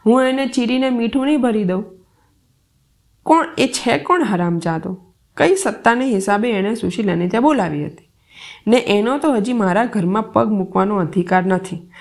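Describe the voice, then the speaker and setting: A woman's voice: medium pitch, moderate pace, vocal fry, darkish tone, lightly acted. A woman voicing a rich, bossy and hot-tempered older merchant who barks orders and hurls insults. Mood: furious. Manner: commanding, barking orders and insults.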